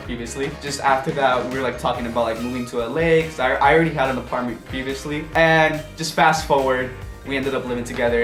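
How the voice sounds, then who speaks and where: An American social media influencer in his late teens chats casually to camera, answering questions about himself in a reverberant, mid-range voice. He's bubbly and playful, with quick laughs and jokey asides.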